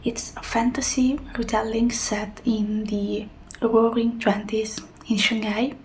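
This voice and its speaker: A woman in an ASMR role-play as a helpful librarian, speaking in a hushed, breathy soft voice. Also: on the high side, flat delivery, takes it slowly, slight background noise. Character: helpful soft-spoken female librarian suggesting books.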